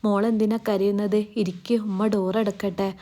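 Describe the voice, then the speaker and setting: Woman reading as a caring middle-aged mother-in-law, coaxing and persistent, mellow tone. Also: medium pitch, little pitch movement, normal speed, lightly acted. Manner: coaxing, asks again and again.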